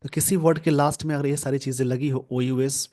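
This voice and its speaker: A man teaching English grammar from a newspaper, explaining slowly and repeating key words. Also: medium pitch, little pitch movement, dark tone. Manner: slow, repetitive explaining, mixing English terms into Hindi.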